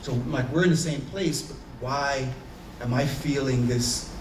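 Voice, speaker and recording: In an echoey conference room, a man from Haiti shares reflective personal thoughts as a panelist, his voice distant. He has a mid-range voice and an unhurried pace, and slight background noise is present. He comes across as earnest and searching, with many fillers and restarts.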